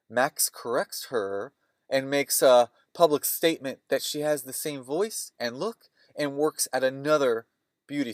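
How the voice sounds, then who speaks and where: A man's voice: medium pitch, no echo, clean studio sound. A man hosting a movie podcast, retelling scenes in a rambling, opinionated way. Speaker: podcast host.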